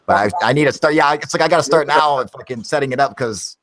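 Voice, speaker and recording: Bright-voiced man hosting a livestream. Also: mid-range voice, quick pace, slight background noise. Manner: profane, laid-back, says dude constantly. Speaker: livestream host. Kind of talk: casual chat.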